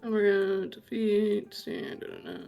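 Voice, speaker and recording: A woman's voice: medium pitch, normal speed, vocal fry, dark tone, faint music behind, poor audio. Chatty woman guiding a game run. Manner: chatty, explains steps, fillers. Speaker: co-player. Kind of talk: casual chat while gaming.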